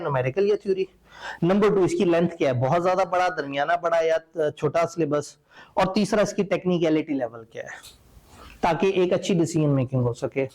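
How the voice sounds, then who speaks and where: A man's voice: high voice, a little mellow. A man lecturing accountancy students in a conversational, wry and opinionated way. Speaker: teacher.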